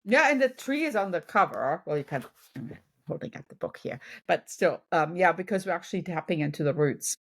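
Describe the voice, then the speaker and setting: A middle-aged native German speaker from Germany, a business and wellness coach guesting on a podcast, gives motivational advice in a conversational interview with a German accent. Her lowish voice is animated, fairly quick and fairly bright, and she often checks in with the listener.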